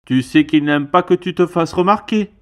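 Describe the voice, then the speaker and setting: A man voicing a stern middle-aged uncle who scolds loudly in a raised voice. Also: normal speed, natural voice. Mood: scolding. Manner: loud, reproachful, raised pitch.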